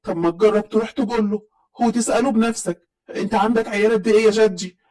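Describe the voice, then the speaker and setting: A woman voicing a bold, proud young woman from Upper Egypt who speaks with sharp, defiant retorts, in an Upper Egyptian accent. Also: mid-range voice, fairly even intonation, quick pace, natural voice, low-quality recording.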